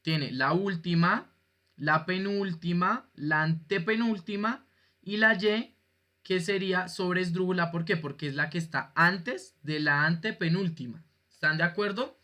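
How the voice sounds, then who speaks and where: A man's voice: high-pitched, measured pace, sharp tone. A male teacher giving an online class, patient and jokey, quizzing his students as he explains. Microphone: video call.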